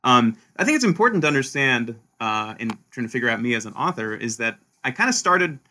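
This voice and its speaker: A Swedish man who is a historian and author talks through his academic path as a guest giving conversational interview answers. His mid-range voice is bright and forward-sounding, and he's brisk and animated, speaking in lively bursts, restarting sentences often, and ending points with "right?"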